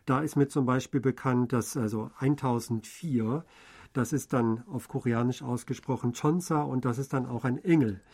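A man co-hosting a radio program, explaining in conversation in a fluent, measured way. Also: mid-range voice, darkish tone, husky.

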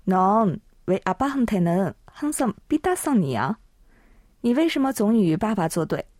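A woman co-hosts a language lesson, translating and explaining each line calmly. She speaks very slowly and evenly, in a dry, close recording with no room sound. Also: mid-range voice, no room sound. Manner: calm, measured, explanatory. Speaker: co-host and Chinese translator.

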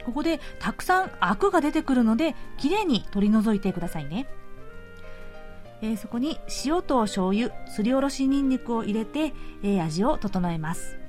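Woman radio host, friendly and polite, animated high voice, faint music bed. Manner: chatty, polite, with soft laughs. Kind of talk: radio show recipe talk and sign-off.

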